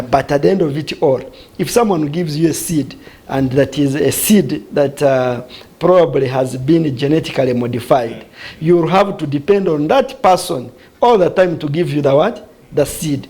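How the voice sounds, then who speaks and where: A man's voice: a little high, mellow, low-quality recording. A man from western Uganda, a guest in a studio discussion who explains earnestly and asks himself questions that he then answers.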